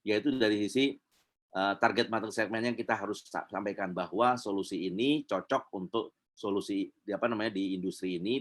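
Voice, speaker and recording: Chatty middle-aged man, low voice. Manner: chatty, many fillers, acts out customer quotes. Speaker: sales trainer. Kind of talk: casual seminar lecture.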